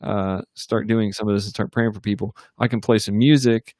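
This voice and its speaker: A man's voice: fairly low pitch, steady tone, normal speed, darkish tone, no echo. A man co-hosting a casual ministry livestream from a home studio, talking loosely with many fillers and restarts. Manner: rambling, upbeat, lots of fillers and restarts. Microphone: computer or webcam mic in a home studio.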